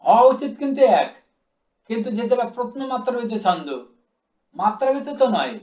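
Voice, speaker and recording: A man's voice: very high voice, big pitch swings, brisk, darkish tone. A man teaching a class, explaining step by step and drawing out syllables to show how long they are. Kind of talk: classroom lecture. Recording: echoey room, dull lo-fi sound.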